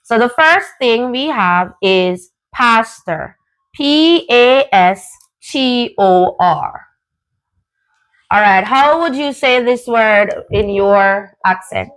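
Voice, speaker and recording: A woman from Jamaica with a Jamaican accent, hosting a casual conversation in a relaxed, chatty way with frequent ums. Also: a little high, slow pace, poor audio. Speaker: host.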